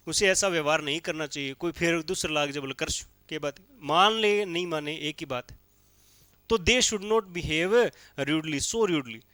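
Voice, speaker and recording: A man from India teaching English grammar in a classroom-lecture style. He explains step by step and reads each English example slowly, with a Hindi accent. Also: high voice, bright, forceful tone, no echo.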